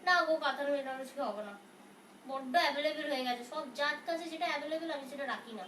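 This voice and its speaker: A soft-spoken woman selling sarees on a live stream, talking in a chatty, reassuring way as she answers viewers' questions. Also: sits high, quick pace, crowd noise. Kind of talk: casual live sales talk. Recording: roomy, from a distance, faint noise.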